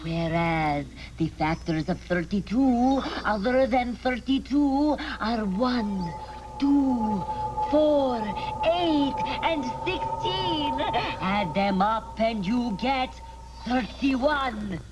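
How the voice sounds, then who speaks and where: An actress playing a bossy, theatrical fortune teller with commanding, mystical certainty in a comedy sketch. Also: female voice, on the high side, animated, very slow, muffled recording, very noisy. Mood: brisk, certain. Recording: music behind the voice.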